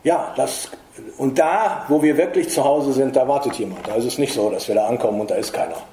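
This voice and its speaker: A middle-aged man preaching a sermon in earnest, emphatic tones, rising in pitch to stress his points. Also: fairly quick, warm tone, a little hiss or hum. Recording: echoey room.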